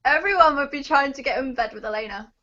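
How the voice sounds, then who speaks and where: A woman's voice: high voice, fast, bright, forceful tone, lo-fi sound. A woman guest on a casual livestream chat, giggly and matter-of-fact.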